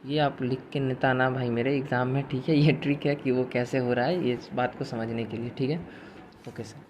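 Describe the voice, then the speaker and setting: A man giving a recorded accounting lecture at a medium pitch. He talks in a loose, chatty way, drops English terms into his sentences and answers his students' doubts before they ask. A faint hum sits under his voice. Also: little pitch movement, normal speed. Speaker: accounting teacher.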